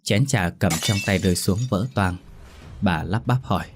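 A man reading a ghost story aloud in a steady, measured storytelling manner. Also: sits low, over music. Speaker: narrator. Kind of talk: scripted ghost story narration.

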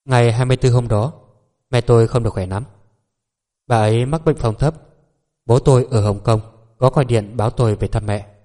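A man reading the part of a calm, composed businesswoman who runs a beauty salon, answering police questions politely in an audiobook. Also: medium pitch, a little fast, pauses often, close to an everyday voice.

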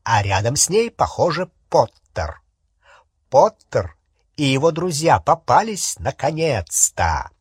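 Man reading as a haughty aristocratic wizard, loud and insistent, husky, slow, storybook. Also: a little high, sing-song, no echo, clean studio sound, full character voice.

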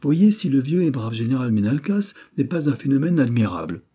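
A man reading an audiobook, voicing a calm and ironic male detective. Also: mid-range voice, fairly quick, breathy edge, voice pushed up. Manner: calm, mocking.

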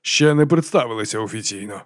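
A man's voice: lowish voice, expressive, fast talker, no echo, close to an everyday voice. A man reading an audiobook voicing a sly, mocking baron with dry irony. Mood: ironic. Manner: dry, ironic.

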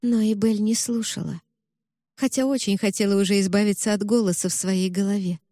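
A woman reading a novel aloud with an expressive, emotional delivery. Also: mid-range voice, a little fast, no echo, clean studio sound. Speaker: narrator. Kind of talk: audiobook narration.

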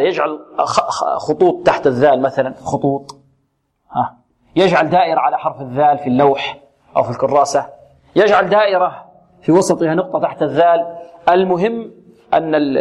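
A man teaching Quran recitation, asking questions, answering them himself and drawing sounds out slowly to demonstrate them. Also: a little high. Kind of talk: Quran pronunciation lesson.

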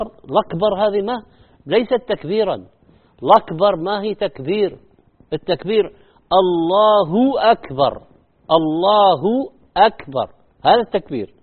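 A man giving a religious lesson, acting out wrong and right ways of saying short phrases by repeating them. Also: high voice. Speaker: Islamic teacher. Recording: tinny phone-like sound.

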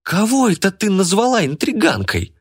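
A man's voice: normal speed, no room sound, clean studio sound, natural voice. A man voicing a hot-tempered young woman who snaps and shrieks when offended. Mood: indignant. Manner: shrill outbursts.

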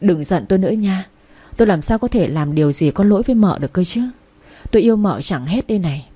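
A woman's voice: fairly low pitch, animated, quick pace, mellow, breathy edge. Woman reading a coaxing young husband. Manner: coaxing, insistent. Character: young husband, pleading and teasing his wife.

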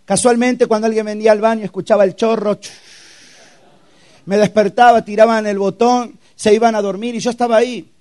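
A man's voice: high-pitched, level tone, fast talker, few pauses, darkish tone. A young man preaching a personal testimony at a youth camp, telling his story with emotion and acted-out sound effects. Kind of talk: testimony sermon.

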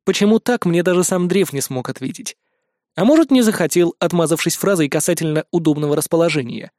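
A man's voice: on the high side, a little fast, a little mellow, no room sound, studio quality. A man narrating an audiobook in the first person, wry and conversational.

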